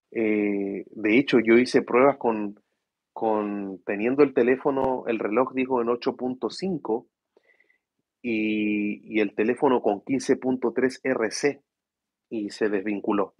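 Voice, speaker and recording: A tired man, hosting a casual tech livestream from home and speaking softly so his sleeping kids don't wake. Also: medium pitch, breathy edge, dry recording, highs cut off. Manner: speaks softly to avoid waking his children. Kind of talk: casual live chat reading viewer questions. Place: room at home at night.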